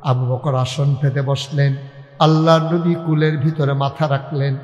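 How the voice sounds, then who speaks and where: A man preaching a dramatic sermon, telling the story with chanted passages and bursts of shouting. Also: medium pitch, level tone, measured pace, highs cut off, faint music behind. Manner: dramatic storytelling, acting out quoted dialogue; breaks into melodic chanting. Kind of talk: Bengali religious sermon (waz). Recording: echoey hall sound with long reverb.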